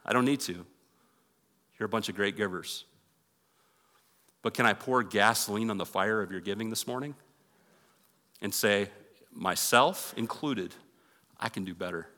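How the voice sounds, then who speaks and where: A man's voice: on the low side, measured pace, pauses often, sharp tone, big-room sound. A male pastor preaching a conversational sermon in a church and leading an earnest prayer. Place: church sanctuary.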